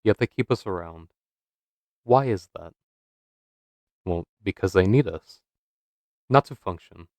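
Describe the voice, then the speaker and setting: A man giving scripted narration for a video essay, measured and dramatic, posing rhetorical questions. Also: sits low, lively intonation, a little mellow, dry recording.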